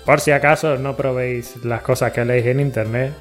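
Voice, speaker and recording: A man's voice: medium pitch, steady tone, fairly quick, faint music behind. A man, co-hosting a podcast and making dry, wry remarks in casual chat. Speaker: podcast co-host.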